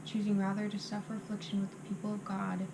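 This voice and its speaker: A woman recites memorised scripture by rote, her voice mid-pitched, monotone, and creaky, moving in halting phrases. The amateur recording is noisy.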